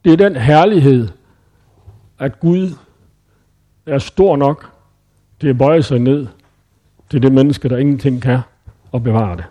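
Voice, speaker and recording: A man's voice: mid-range voice, long pauses, dark tone. A man preaching in a conversational Bible-teaching style, thinking aloud with frequent hesitations and self-corrections.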